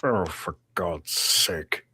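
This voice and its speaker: Man acting jaded thespian, medium-pitched, withering, exasperated, radio theatre. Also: animated, normal speed, a bit bright. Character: weary, disdainful male actor, exasperated and ashamed.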